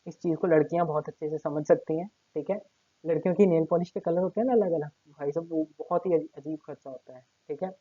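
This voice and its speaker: A man's voice: a little high, fast talker, husky, no echo. A male teacher giving a recorded class lecture while seated at his table, explaining step by step and checking in with his students after almost every point. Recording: tinny phone-like lo-fi audio.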